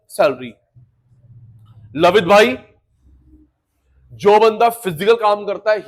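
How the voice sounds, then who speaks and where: Man, middle-aged teacher, high pitch, energetic call-and-response lecturing in Hindi-English mix. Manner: energetic, drills students with call-and-response repetition; mixes Hindi and English terms. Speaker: economics teacher. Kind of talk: live class lecture.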